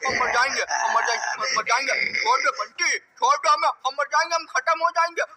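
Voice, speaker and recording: A man's voice: very high-pitched, measured pace. A man voicing a cowardly, panicky father in a comedy cartoon, with a melodramatic wailing manner. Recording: cartoon dub with clear background noise.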